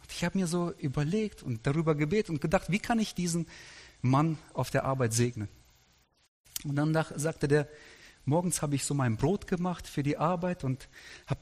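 A middle-aged male pastor preaching a sermon, telling stories with quoted dialogue in a lively anecdotal way. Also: a little high, moderate pace. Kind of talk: sermon storytelling. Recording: long hall reverb.

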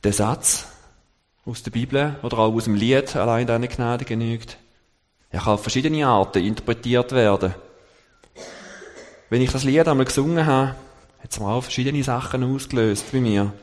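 A man giving a sermon at a halting pace, searching for words and slowing down for scripture quotes. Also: mid-range voice. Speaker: lay preacher. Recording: long church reverb.

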